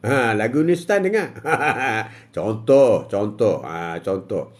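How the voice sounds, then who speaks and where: A man's voice: fairly low pitch, big pitch swings, takes it slowly, darkish tone. An older man with a Malaysian Malay accent, hosting a live-streamed religious talk and answering viewer comments, repetitive and emphatic with frequent "ha" interjections. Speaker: host.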